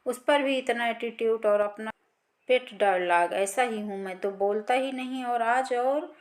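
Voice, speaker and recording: A woman voicing a spirited, teasing young woman about to marry, talking quickly and indignantly in a read-aloud Hindi story. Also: on the high side, close to an everyday voice. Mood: complaining.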